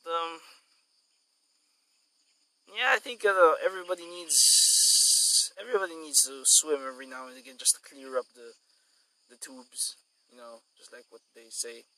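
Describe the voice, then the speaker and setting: Bright-voiced rambling man vlogging outdoors. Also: low-quality recording. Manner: rambling, chatty, coaxes a dog in a high voice. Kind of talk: casual outdoor vlog. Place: outdoors at a sunny resort in the morning. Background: insects and crickets.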